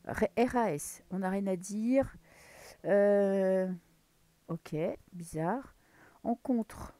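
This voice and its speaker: Here a woman from France does a laid-back tarot reading to camera, her tone warm and her pitch medium. The audio is dry, and she ponders aloud as each card comes up, occasionally whispering.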